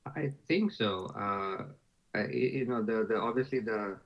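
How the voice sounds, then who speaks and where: A man presenting as a consultant over a video call, halting with many fillers and restarts. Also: lowish voice. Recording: dull lo-fi video call audio.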